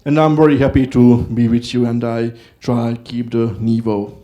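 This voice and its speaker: A young Hungarian student gives a short stage talk in a Hungarian accent, speaking haltingly with many filler pauses. His medium-pitched, mellow voice is delivered flatly, and the recording sounds muffled.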